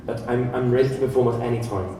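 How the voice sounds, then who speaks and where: A man's voice: mid-range voice, warm tone, recorded from a distance, a little hiss or hum. Greek man in an echoey fair hall. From Greece. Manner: halting, restarts words often, self-deprecating. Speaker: composer and pianist. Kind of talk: live panel Q&A.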